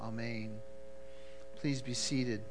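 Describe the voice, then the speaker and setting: A man leading a congregation's service, reciting liturgy in a measured, solemn way into a pulpit microphone in the sanctuary. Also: medium pitch, fairly even intonation, music in the background. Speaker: service leader reading the Torah liturgy.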